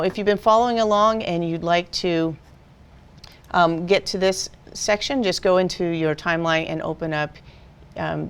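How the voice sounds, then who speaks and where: A woman with a lower-pitched voice walks through a software tutorial one step at a time. She explains patiently and plainly, like a teacher guiding a class. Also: smooth. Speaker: video editing instructor. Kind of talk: screen-recorded software tutorial.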